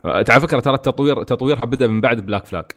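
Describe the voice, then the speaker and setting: A man with an Emirati Arabic accent, chatting on a gaming podcast, ranting in an animated way with frequent restarts. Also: mid-range voice, very fast. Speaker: podcast co-host. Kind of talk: casual gaming podcast chat.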